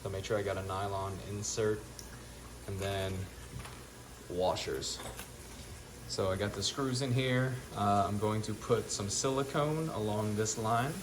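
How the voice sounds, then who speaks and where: A man with a fairly deep voice walks through a do-it-yourself project. He talks casually, like a hobbyist showing his work. Background noise is clearly audible in the recording. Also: unhurried. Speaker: hobbyist maker and vendor showing a DIY build. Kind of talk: casual spoken build walkthrough.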